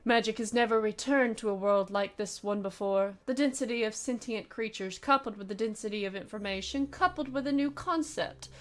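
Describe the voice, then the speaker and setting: A woman reading the lines of a stern, formal male aide in a game, in a measured, lecturing way. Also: a little high, lightly acted. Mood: grave. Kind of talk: reading game dialogue aloud.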